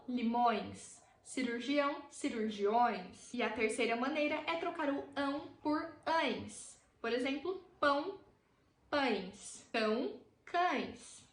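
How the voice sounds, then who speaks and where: A woman with a Brazilian Portuguese accent teaching a grammar lesson, clearly and deliberately, drawing out the example words. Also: high voice, a bit bright. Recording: echoey room.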